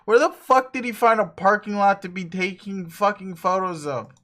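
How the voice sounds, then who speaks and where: Male reader doing a profane, self-mocking cool teen boy; rambling, slightly high voice, webcomic reading. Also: moderate pace, a bit bright. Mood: laughing. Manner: profane, rambling, laughs a lot.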